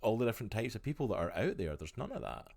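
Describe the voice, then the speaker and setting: A man's voice: fairly low pitch, big pitch swings, fast, gravelly, darkish tone, dry recording. A Scottish man talking in a casual, rambling interview conversation with many restarts. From Scotland.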